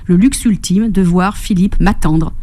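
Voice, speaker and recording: A middle-aged Corsican woman, a fitness and nutrition coach, is a guest in a radio studio interview, speaking at a measured pace in a lowish, mellow, warm voice. Bubbly and chatty, she's enthusiastic and laughs often. Her storytelling is animated, full of quoted voices.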